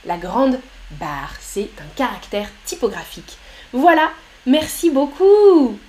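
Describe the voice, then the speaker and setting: Upbeat high-voiced woman teacher. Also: very animated, slow, a little mellow. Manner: upbeat, reads out viewers' messages and corrects punctuation. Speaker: French teacher streaming live. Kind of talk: live-streamed language lesson reading chat.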